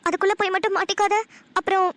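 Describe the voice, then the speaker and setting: A woman's voice: very high-pitched, level tone, racing, very noisy. A woman voicing a proud, touchy young wife in a cartoon, pouting and answering back through tears. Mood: musing. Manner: pouting, tearful retorts. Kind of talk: Tamil cartoon dialogue.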